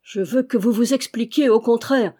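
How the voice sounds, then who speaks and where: A woman's voice: medium pitch, moderate pace, warm tone, lightly acted. A woman voicing a proud young noblewoman, haughty and accusing, in an audiobook reading. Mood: distraught.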